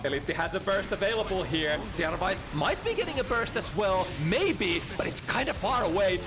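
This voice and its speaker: Guy doing fighting game commentary, lively swinging voice, voice shoots up on big hits, game music going behind. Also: normal speed. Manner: excitable, voice jumps high at big moments.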